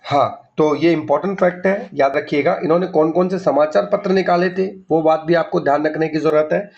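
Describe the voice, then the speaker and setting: A man's voice: on the high side, steady tone, a little fast, darkish tone, highs cut off. A man teaching an exam revision lesson, asking questions and answering them himself, repeating key facts, mixing English words into his explanation. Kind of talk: MCQ revision lecture.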